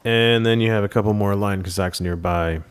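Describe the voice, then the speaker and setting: A man co-hosting a podcast, chatting casually and analytically about a tabletop game, with frequent "uh" pauses. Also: on the low side, steady tone, clear, resonant tone. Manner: enthusiastic, analytical, many "uh" pauses. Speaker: podcast co-host.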